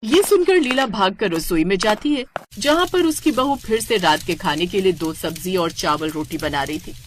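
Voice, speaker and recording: A woman's voice: mid-range voice, normal speed, a little hiss or hum. A woman narrating a cartoon moral story. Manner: steady storytelling.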